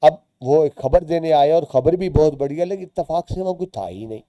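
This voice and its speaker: A man's voice: on the high side, expressive, a little fast, dark tone, no room sound, dull audio. A man, teaching students by reading a short story aloud and explaining its words and lines as he goes.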